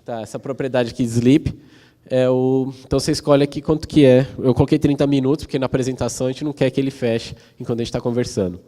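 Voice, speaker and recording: A man's voice: medium pitch, fairly even intonation, fast talker, mellow. A Brazilian man giving a casual technical conference talk, explaining step by step with many fillers and tag questions. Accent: Brazilian Portuguese. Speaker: conference speaker. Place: large conference hall. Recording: long hall reverb.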